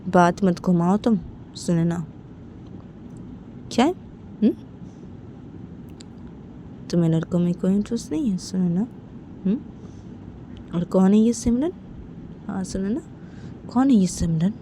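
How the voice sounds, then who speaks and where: A woman's voice: medium pitch, unhurried, long pauses, warm tone, a little hiss or hum, lightly acted. A woman voicing a wealthy, doting middle-aged father who keeps asking "what is it?" in an amateur spoken story. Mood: stern. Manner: repeats "kya hai" and "haan" after every phrase.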